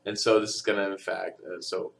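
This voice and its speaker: Male lecturer, low gravelly voice, loose conversational delivery, lots of "um" and "right?". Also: level tone, fairly quick. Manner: conversational, many fillers and tag questions. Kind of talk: recorded audio lecture.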